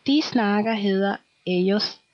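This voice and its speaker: A woman teaching a scripted language lesson, slowly and patiently quizzing the listener and pausing for answers. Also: medium pitch, dry recording. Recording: dull lo-fi, dry recording.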